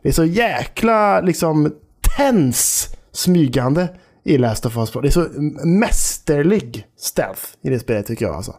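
A man's voice: on the high side, expressive, a little mellow, slightly rough. A podcast co-host and man from Sweden, chatting casually and enthusiastically, swearing often and using lots of fillers. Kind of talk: casual chat.

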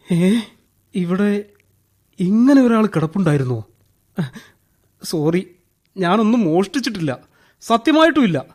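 For a radio play, an actor portrays a jittery burglar who mumbles to himself while creeping through a house, then begs once he's caught. His voice sits high.

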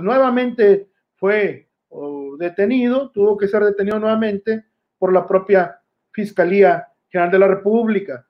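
A man with a Mexican accent giving informal political news commentary to his listeners, halting and repeating himself. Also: high voice, muffled recording. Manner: halting, repetitive, rhetorical questions.

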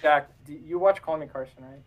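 A young man talking in a loose, joking podcast chat. He is animated, jumps in and out of sentences and often stumbles over his words as he goes. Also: on the high side, brisk, narrow, tinny audio, a loud crowd. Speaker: podcast co-host. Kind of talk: casual chat.

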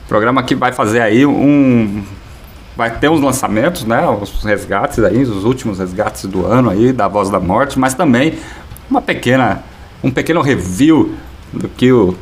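A man's voice: mid-range voice, a little slow, a little hiss or hum. A man with a Brazilian accent hosting a casual live radio talk show.

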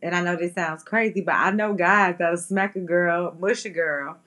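A woman's voice: on the low side, steady tone, moderate pace, fairly bright tone. A young woman co-hosting a podcast, chatting in a rambling, slangy way. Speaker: podcast co-host. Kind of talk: casual chat.

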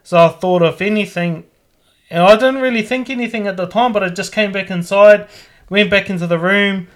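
A man's voice: sits high, brisk. A young man telling a story in casual chat, laid-back, rambling, and swearing freely.

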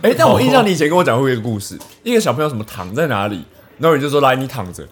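A man's voice: fairly high pitch, huge pitch swings, racing. A man co-hosting a casual chat, teasing the guest with questions.

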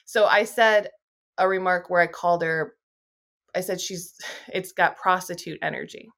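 Slightly low-voiced woman, candid astrologer guest, rambles loosely with lots of fillers. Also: steady tone, moderate pace, gravelly, a bit bright. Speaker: astrologer and YouTuber. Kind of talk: casual podcast conversation.

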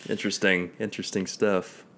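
A young man in casual gaming chat, relaxed and rambling, laughing often. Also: deep voice, brisk, creaky.

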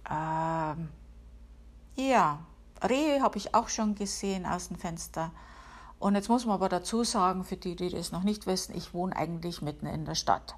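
A woman's voice: fairly low pitch, animated, normal speed. A woman from the Upper Palatinate, hosting her own podcast from home in a chatty, self-ironic way. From Upper Palatinate, Bavaria, Germany. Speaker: podcast host. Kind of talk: casual solo podcast monologue. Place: home, working from home.

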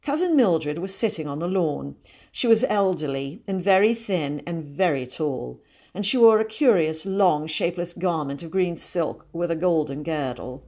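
A woman hosting a podcast and reading a children's book aloud in a measured, expressive way. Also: fairly low pitch. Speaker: podcast host and reader.

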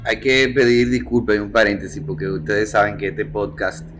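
Informal low-voiced man, Caribbean Spanish accent. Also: fairly even intonation, moderate pace, a bit bright. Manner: informal, colloquial, swearing. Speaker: podcast host. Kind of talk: casual podcast chat. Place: home, beside a street with motorbikes. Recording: clear street noise behind.

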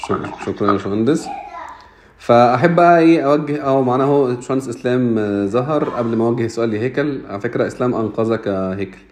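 Fast-talking Egyptian man hosting a discussion. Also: medium pitch, a little mellow, slight background noise. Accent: Egyptian Arabic. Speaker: host of a live audio discussion. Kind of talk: casual moderated discussion, mixing in English business terms.

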